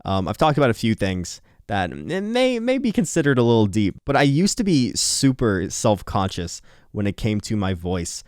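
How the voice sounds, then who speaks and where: Wearing earphones on a close mic, a worn-out young YouTuber chats late at night, rambling honestly and sometimes cursing or laughing. The voice is lowish, darkish, slightly nasal and sing-song at a moderate pace, with clean studio sound and no room sound.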